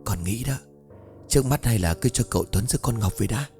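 A male storyteller voicing a timid, flattering servant who lowers her voice to whisper a scheme. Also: brisk, soft background music, natural voice. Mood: whispering sly. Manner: hushed, conspiratorial.

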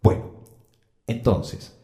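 A man hosting a casual radio interview, relaxed, with hesitant fillers and easy laughter. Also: extremely slow, reverberant. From Peru. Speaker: radio show host.

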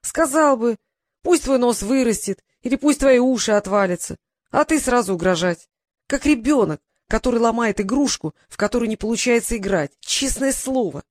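A cheeky young apprentice mage, voiced by an audiobook reader, lecturing his enemy with sarcastic scorn. The voice is pitched up and lively. The recording is close and dry. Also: normal speed, no room sound, close to an everyday voice. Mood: snide.

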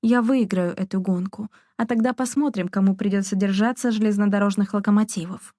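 A woman reading the lines of a spirited young woman in a novel, firm and sharply teasing, in a mellow, dry voice. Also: mid-range voice, steady tone, brisk, dry recording, natural voice. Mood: defiant. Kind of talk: audiobook character reading.

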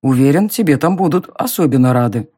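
A narrator playing a smug young nobleman who mocks and teases in an audiobook reading, with a slow, drawling, low delivery. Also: animated, dark tone, husky. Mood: mocking.

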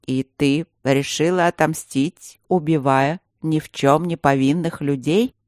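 A woman reading a novel aloud, voicing a king who speaks slowly and evenly. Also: deep voice, no echo, studio quality. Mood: cold. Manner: flat, slow, even. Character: king, cold controlled adult man.

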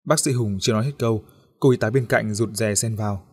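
A man reading out an emotional story in a steady, earnest narrating voice. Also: lowish voice, fast talker.

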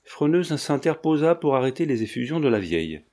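Expressive male audiobook narrator. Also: medium pitch, fairly quick. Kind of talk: scripted narration of a novel.

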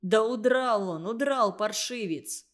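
A woman voicing an angry, blustering young male truck driver who shouts indignantly in a read-aloud story. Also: on the high side, slow pace.

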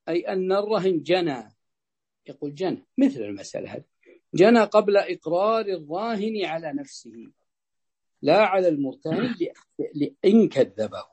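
A man teaching jurisprudence to students, explaining slowly, repeating phrases and checking whether they understand. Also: high voice, darkish tone, breathy edge. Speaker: sheikh teaching Islamic jurisprudence. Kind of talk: explaining a fiqh text to students.

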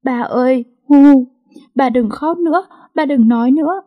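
A woman voicing a tough young heiress who pleads tearfully, her voice pitched up and breathy. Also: steady tone, normal speed, highs cut off, natural voice. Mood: tearful, pleading. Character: young heiress, tough but grief-stricken daughter.

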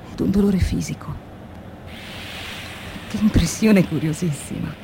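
In a dramatic radio monologue, an actress voices an anguished, exhausted factory worker confiding in her diary, moving between hushed and vehement delivery. Her medium-pitched voice sounds natural and absorbed, with background noise behind it.

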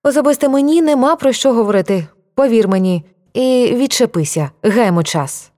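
A woman's voice: mid-range voice, expressive, normal speed, darkish tone, lightly acted. A woman voicing an impatient young woman who answers in a brusque, mocking way.

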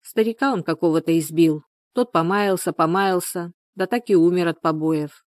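A woman doing a brisk, caring village friend. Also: on the low side, darkish tone, no room sound, natural voice. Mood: concerned, coaxing.

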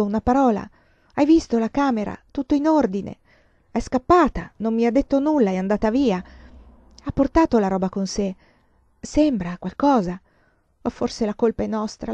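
A gentle, tired middle-aged nun, as a woman reading a novel puts her on. She speaks calmly and softly in a warm, mellow tone. The sound is dry and slightly dull. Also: a little high, no room sound, voice pushed up, close to an everyday voice.

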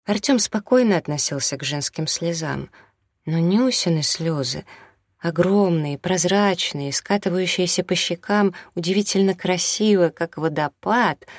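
A narrator reads a novel aloud at a calm, measured pace, in a middle voice neither high nor low. The recording is dry and close, with no room sound at all. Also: no echo. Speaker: audiobook narrator. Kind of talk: scripted narration.

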